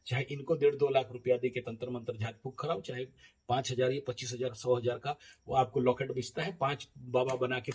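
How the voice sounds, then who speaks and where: A man, an astrologer, telling stories in a casual spoken monologue, animated and often laughing, swinging between loud and soft. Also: medium pitch, breathy edge, rough recording. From eastern India.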